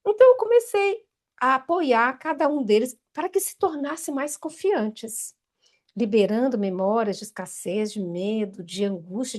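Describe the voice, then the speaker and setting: High-voiced Brazilian woman coaching a group. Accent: Brazilian Portuguese. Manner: animated, emphatic, talks directly to the audience. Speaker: coach and trainer leading an online group session. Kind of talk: live online workshop, guiding an exercise.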